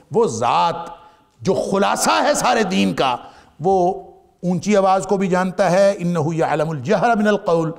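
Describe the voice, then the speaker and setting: A man with a gravelly, slightly high voice teaches a Quran commentary lesson to a seated audience. He recites each verse and then explains it. He builds to raised emphasis, then drops to a near-hush.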